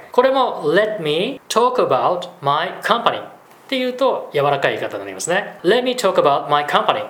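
A fairly high-voiced man teaches business phrases in a quick, chatty way, laughing now and then. His pitch swings widely as he talks. The room gives his voice a noticeable echo. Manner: lively, chatty, laughs often. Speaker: English school principal, guest teacher. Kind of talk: explaining business English. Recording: roomy echo.

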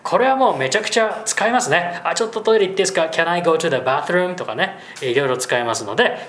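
Lively man teaching English phrases. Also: high voice. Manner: lively, drops into slow English demo phrases. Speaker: English school principal. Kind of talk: casual explanatory English lesson. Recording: roomy echo.

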